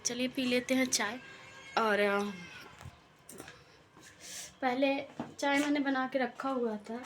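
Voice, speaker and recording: Young woman from India, home vlogger, unhurried and pausing, slightly higher voice. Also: a little hiss or hum. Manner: slow, deliberate, pausing often. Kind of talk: casual home vlog narration. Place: home, indoors.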